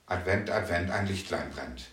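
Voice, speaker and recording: A man preaching a sermon with emphasis, repeating key phrases slowly and forcefully. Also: low-pitched, expressive. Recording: echoey room, mic at a distance.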